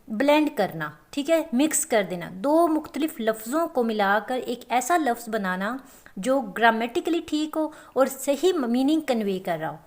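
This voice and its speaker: A woman teaching a lecture to students, explaining step by step and often checking that they follow. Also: high voice. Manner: explains slowly with repeated check-ins.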